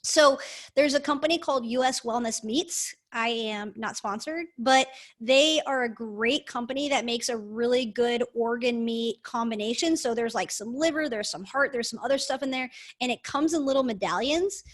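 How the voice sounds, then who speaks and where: A woman's voice: fairly high pitch, moderate pace. A woman co-hosting a casual podcast with enthusiastic, emphatic delivery, her microphone echoing like she is in a hallway. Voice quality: hallway echo on the voice. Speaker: podcast co-host. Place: echoey indoor space.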